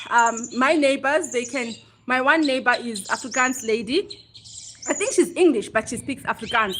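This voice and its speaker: A woman's voice: high voice, sharp tone, a little hiss or hum. A South African woman hosting a casual livestream chat outdoors at home, greeting viewers by name and laughing often. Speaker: livestream host.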